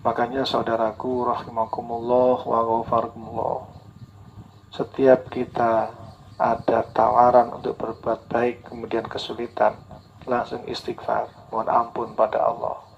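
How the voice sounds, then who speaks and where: A man preaches an earnest sermon in a creaky, monotone, medium-pitched voice at a measured pace, repeating key phrases and now and then acting out tearful prayers. The recording is dull and lo-fi, with a faint hiss.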